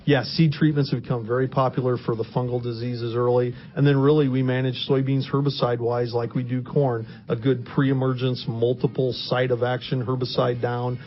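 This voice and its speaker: A man's voice: medium pitch, level tone, moderate pace, few pauses, faint music behind. Man explaining in a dull-sounding interview. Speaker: interview guest, crop science agronomy expert. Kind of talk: conversational explanation in a radio interview.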